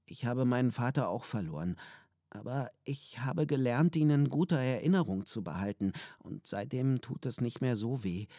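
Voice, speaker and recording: A man voicing a gentle pirate girl. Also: mid-range voice, lively intonation, normal speed, dry recording, studio quality. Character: kind young female pirate comforting a friend.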